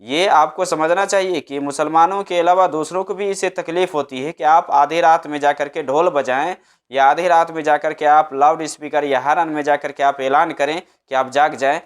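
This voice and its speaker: An Islamic preacher answers a religious question in a fairly high, clean voice, steady in tone and at normal speed. His advice is didactic and emphatic, and he repeats his points in short phrases.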